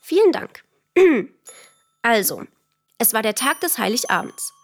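A woman's voice: fairly high pitch, sing-song, unhurried, heavily acted. A woman voicing a pert young daughter who narrates a radio play, faint music behind. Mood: cheeky.

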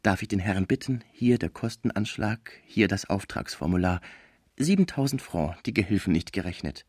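A man voicing a smooth-talking male tombstone salesman with ingratiating sales talk. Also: lowish voice, lively intonation, normal speed, darkish tone, no room sound, clean studio sound. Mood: salesy.

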